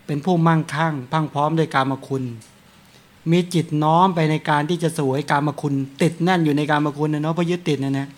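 A man's voice: fairly high pitch, fairly even intonation, fairly quick. A man, a Buddhist monk giving a dharma talk, chatting through anecdotes and chuckling often.

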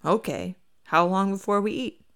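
A woman's voice: medium pitch, measured pace, fairly bright tone, clean tone, natural voice. A woman voicing a laid-back young woman who teases her friends, in a story reading. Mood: teasing.

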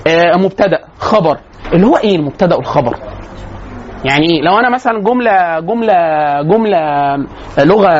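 A man with an Egyptian Arabic accent giving an informal lecture, talking in a colloquial way, asking himself rhetorical questions and restarting his phrases. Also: sits high. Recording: slightly dull lo-fi sound with faint noise.

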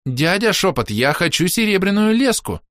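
A stubborn teenage girl goddess demands and insists in a high, bright, lively voice, as a male narrator puts her on. Her pitch bounces with every plea, and the read is dry and close. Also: moderate pace, no echo. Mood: demanding.

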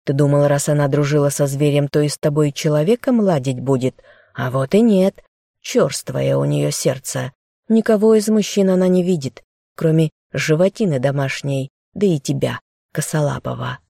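A woman's voice: deep voice, moderate pace, gravelly, warm tone, no room sound, studio quality. Woman reading a smug young traitor. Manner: smirking, coaxing.

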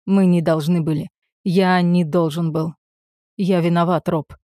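A woman doing a hushed guilty young man. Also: on the low side, steady tone, unhurried, no room sound, clean studio sound, natural voice. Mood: remorseful. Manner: hushed, murmuring. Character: young man, guilt-ridden withdrawn boyfriend.

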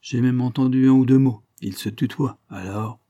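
A man's voice: medium pitch, fairly even intonation, moderate pace, warm tone, no echo, clean studio sound, voice pushed up, natural voice. A man voicing a dogged male police inspector who gives matter-of-fact, precise reports.

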